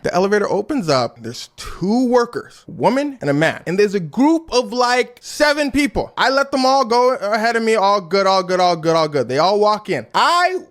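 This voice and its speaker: Young American guy, high lively voice, slangy casual storyteller. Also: normal speed, hardly any pauses. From United States. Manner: animated, slangy, emphatic.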